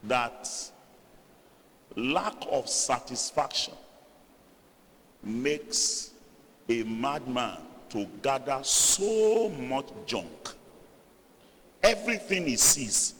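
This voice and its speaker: Speaking extremely slowly with long pauses, this Yoruba preacher from Nigeria swings widely in pitch. His emphatic sermon rises to loud, stressed phrases and then sinks low, reverberating around the church hall.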